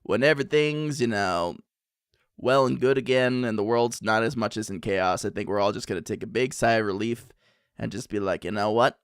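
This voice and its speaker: A man's voice: on the low side, moderate pace, smooth, no room sound, clean studio sound. A young man streaming from home, chatting casually with viewers and often laughing as he reacts to the chat.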